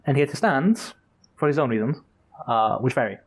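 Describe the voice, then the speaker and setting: A man's voice: medium pitch, expressive, moderate pace, husky, rough recording. A man co-hosting a podcast, retelling book scenes in a casual, rambling and enthusiastic way, with lots of fillers and the odd swear word. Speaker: podcast co-host.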